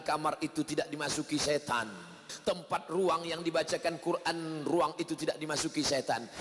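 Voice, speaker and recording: Animated preacher man in a reverberant hall. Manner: animated storytelling, acts out quoted parents with shouts and high voices. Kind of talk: sermon. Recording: long hall reverb, faint noise.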